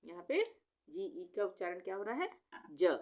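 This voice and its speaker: A woman's voice: on the low side, very animated, moderate pace, a little mellow. A woman teaching English pronunciation in a Hindi lesson, patiently spelling words out letter by letter and answering her own questions.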